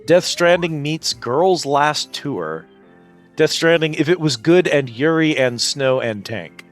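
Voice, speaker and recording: Music plays behind a man who hosts a live game stream, his slightly high voice animated yet slow. He chats casually and calls out playful, exclamatory greetings to viewers.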